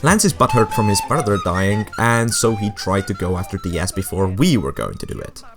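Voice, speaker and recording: A man's voice: fairly low pitch, sing-song, normal speed, music in the background. A young adult man narrating a video game essay with sarcastic, wry asides. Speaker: game commentator.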